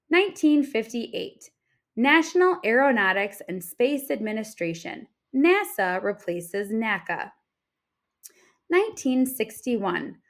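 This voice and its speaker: A woman with a voice on the high side reads aloud from an informational picture book, teacher-style. She shapes each phrase carefully and expressively for young listeners.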